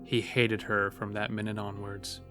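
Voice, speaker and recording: Narrating a scripted horror story for an audio drama, this male storyteller speaks at an ordinary pace with a fairly low pitch and flat delivery. Loud background music runs under his voice.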